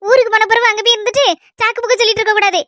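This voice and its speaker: A woman's voice: extremely high pitch, flat delivery, very fast, bright, forceful tone. A woman voicing a chatty, doting old village grandmother in a comedy skit, with a Kanyakumari Tamil accent and fond, rambling talk. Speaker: grandmother visiting her married granddaughter.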